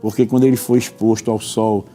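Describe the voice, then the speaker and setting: A man's voice: fairly low pitch, flat delivery, brisk, dark tone, faint music behind. A Brazilian man, a pastor, teaching on a religious TV panel in an earnest, expository way, quoting scripture and repeating points for emphasis. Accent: Brazilian Portuguese.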